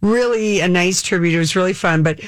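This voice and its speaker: A woman's voice: lowish voice, a little fast, dry recording, studio quality. A woman co-hosting a casual chat show, talking in a chatty, rambling way with restarts. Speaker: co-host.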